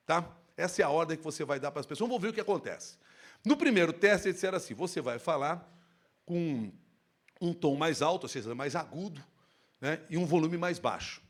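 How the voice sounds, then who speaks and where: A man speaking on stage at a workplace safety event, giving an expressive live lecture into a handheld microphone. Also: on the high side. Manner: animated, expressive, shifts tone to demonstrate.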